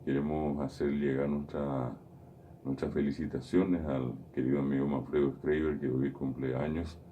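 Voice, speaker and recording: A man's voice: extremely low pitch, flat delivery, normal speed, phone-quality sound, slight background noise. A man hosting a radio show, patiently explaining pronunciation and repeating his examples. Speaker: radio host teaching Guaraní. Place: radio studio.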